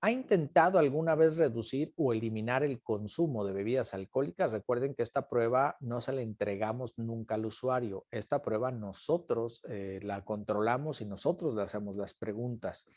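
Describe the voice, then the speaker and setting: A man's voice: mid-range voice, moderate pace, few pauses, darkish tone, dry recording, lo-fi sound. A man teaching an online class, patiently repeating each question and calling on students by name. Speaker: instructor.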